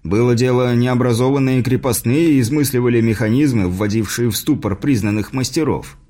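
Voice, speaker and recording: A man reading an audiobook in a measured, even narration. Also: medium pitch. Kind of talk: scripted narration.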